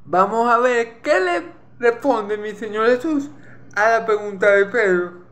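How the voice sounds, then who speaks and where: High-voiced Venezuelan preacher from Maracaibo. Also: male voice, a little slow, a bit bright. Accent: Maracaibo Venezuelan Spanish. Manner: explanatory, repeats phrases, asks "¿ok?". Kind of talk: Bible teaching sermon. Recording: echoey room with faint ambient noise.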